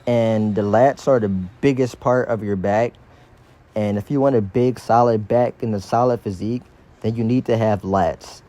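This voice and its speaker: Mellow man talking through dental braces. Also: lowish voice, moderate pace. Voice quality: speech slightly impeded by dental braces. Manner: informal, slangy, instructive. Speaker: fitness instructor. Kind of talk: casual exercise tutorial voice-over.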